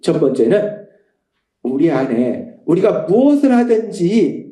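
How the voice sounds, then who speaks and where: A middle-aged man preaching a sermon as pastor, emphatic and passionate, dropping to hushed tones when quoting. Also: sits high, big pitch swings, a little slow. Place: church sanctuary. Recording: echoey church hall.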